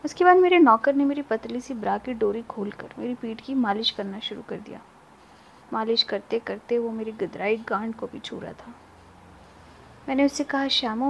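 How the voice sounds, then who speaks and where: Woman reading a spicy story, slightly high voice with vocal fry, muffled lo-fi sound. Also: slight background noise. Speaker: story narrator. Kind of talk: sensual first-person story narration.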